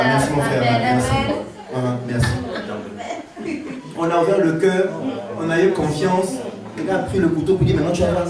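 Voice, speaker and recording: A pastor preaching an animated, playful sermon in a fairly high voice. He sounds far from the mic in a very echoey hall, with the congregation clearly heard. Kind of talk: lively sermon. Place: church service hall. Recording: roomy church hall, distant mic, congregation.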